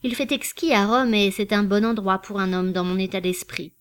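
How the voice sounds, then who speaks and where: A woman reading a composed gentleman from an audiobook novel, courteous and quietly proud. The speech is measured and formal, gently insistent, at an ordinary middle pitch. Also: smooth, lightly acted. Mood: earnest, polite.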